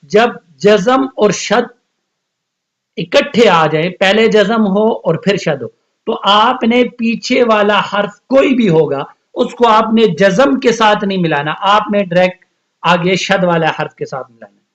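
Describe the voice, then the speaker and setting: A man teaching an online Quran reading lesson, explaining rules quickly and then spelling out letters slowly. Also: sits high, expressive, a bit bright, lo-fi sound.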